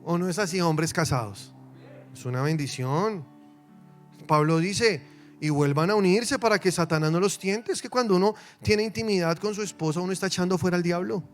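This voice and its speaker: A man, a pastor preaching a lively sermon in church, swinging between loud emphasis and soft asides. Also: sits high, normal speed, soft background music. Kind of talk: lively sermon with acted-out quotes.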